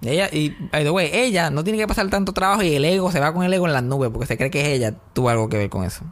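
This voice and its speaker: A young man with a Puerto Rican accent, hosting a podcast and telling comedic stories in a casual, animated way, mixing in English words. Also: a little high, fast. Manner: animated, mixes in English words, acts out scenes. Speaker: podcast host.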